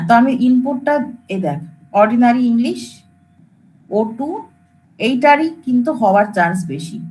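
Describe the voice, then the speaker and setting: A woman's voice: on the high side, low-quality recording. Casual woman lecturer. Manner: casual, coaxing, addresses students familiarly. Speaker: computer science lecturer. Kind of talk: informal classroom lecture.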